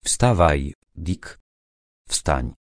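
A man voicing a shocked young gentleman who speaks urgently in an audiobook. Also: a bass voice, big pitch swings, extremely slow, no echo, clean studio sound, exaggerated voice. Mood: shaken. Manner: urgent, agitated.

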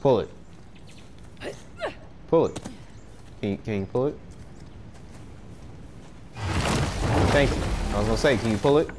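A man giving casual commentary over a video game, cursing and reacting excitedly, talking into a headset. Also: on the low side, a little slow, pauses often, heavy background noise. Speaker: gamer.

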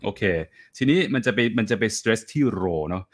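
A man's voice: fairly low pitch, animated, normal speed. A man teaching a classical singing masterclass online. He talks in a friendly, encouraging way, sings short phrases to demonstrate, and drops English and Italian musical terms into his speech.

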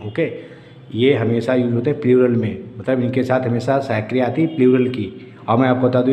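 A man's voice: mid-range voice, dark tone. A man teaching an English grammar lesson, explaining words one at a time and often saying "okay". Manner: repeats "okay" often, drills examples. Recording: echoey room with faint ambient noise.

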